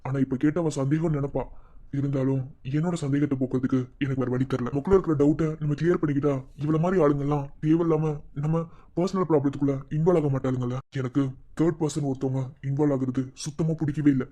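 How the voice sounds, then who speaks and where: A man's voice: steady tone, fast talker, dark tone, highs cut off, close to an everyday voice. A man voicing a worried young married man in a cartoon, muttering his thoughts in a Madurai Tamil accent. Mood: brooding. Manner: low, muttering inner monologue. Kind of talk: cartoon voice acting.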